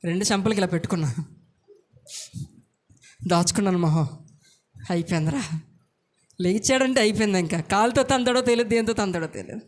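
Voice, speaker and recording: A man's voice: sits high, a little fast, long pauses. A male pastor, telling his own story in an earnest sermon and voicing the people in it. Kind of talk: sermon testimony.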